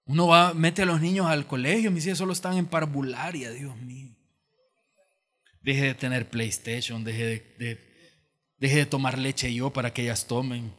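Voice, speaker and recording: A man's voice: mid-range voice, a bit bright. Man preaching in a church auditorium, chatty storytelling sermon, echo hanging in the hall. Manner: conversational storytelling, acting out quoted voices. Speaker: pastor.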